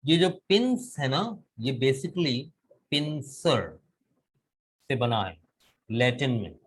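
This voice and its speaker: A man's voice: mid-range voice, sing-song, slow, slightly rough, poor audio. A male teacher with a Pakistani Urdu accent giving an online vocabulary lesson over a video call, explaining step by step and asking his students questions. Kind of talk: online class lecture.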